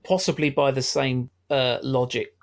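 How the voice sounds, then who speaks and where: A man's voice: medium pitch, fairly even intonation, normal speed. A middle-aged man, chatting wryly about a film as a podcast co-host. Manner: chatty, wry, laughs often. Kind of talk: casual film discussion.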